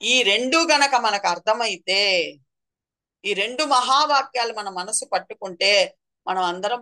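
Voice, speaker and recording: A woman's voice: medium pitch, pushed and bright. A woman giving a devotional talk, asking rhetorical questions, listing things one after another and acting out quoted sayings. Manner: rhetorical questions and repeated lists. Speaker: spiritual speaker. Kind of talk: devotional discourse.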